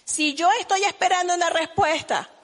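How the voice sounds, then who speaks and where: A woman preaching a sermon, earnest and testifying, swinging between loud passages and hushed ones. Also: very high voice, normal speed. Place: church hall. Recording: echoey church hall.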